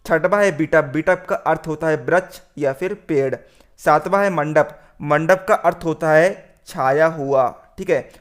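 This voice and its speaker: A man's voice: a little high, a little slow. A male teacher working through a worksheet lesson. He keeps saying "theek hai" and calls the students "friends.". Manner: repeats "theek hai", addresses "doston".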